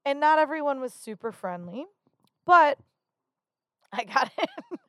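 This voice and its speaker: A woman's voice: high voice, sing-song, a little slow, a bit bright, no echo, clean studio sound. Blunt, chatty woman podcast co-host. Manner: chatty, blunt storyteller with swearing. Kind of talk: casual chat.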